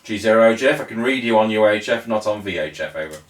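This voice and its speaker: A man's voice: fairly low pitch, animated, fast. A man working a base radio station, making brief procedural calls heard over a two-way radio. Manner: brief, procedural call-and-response. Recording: distant, roomy radio audio with faint noise.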